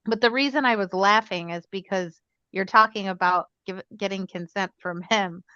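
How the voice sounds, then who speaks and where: A woman's voice: medium pitch, normal speed, bright, forceful tone, dry recording, highs cut off. A woman chatting casually about her dog, candid and laughing as she talks. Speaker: dog owner. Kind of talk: casual chat.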